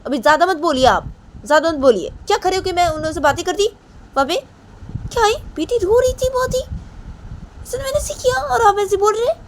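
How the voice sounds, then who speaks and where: A woman voicing an indignant young mother who nags her partner in a loud, high-pitched voice. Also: lively intonation, normal speed, a little hiss or hum.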